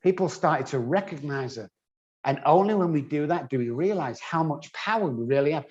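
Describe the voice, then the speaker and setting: A man working in addiction recovery, answering an interview with animated anecdotes and acted-out dialogue. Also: a little high, a little fast, lo-fi sound.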